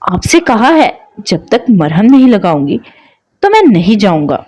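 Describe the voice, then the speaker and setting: Woman doing a playful young husband, soft coaxing questions, voice bouncing up and down. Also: mid-range voice, sing-song, a little slow. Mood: teasing. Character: young man, teasing, persistent husband.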